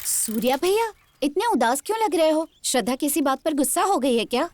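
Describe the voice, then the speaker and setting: A chatty young best friend. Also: female voice, sits high, expressive, a little fast, dry recording. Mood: concerned. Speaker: dub actor. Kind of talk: Hindi film dubbing. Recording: film soundtrack with loud music.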